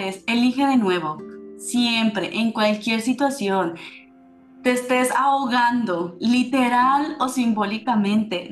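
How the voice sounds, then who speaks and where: A woman telling a personal story with emotion and turning it into a spiritual teaching. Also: medium pitch. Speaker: spiritual speaker. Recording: roomy echo with faint music.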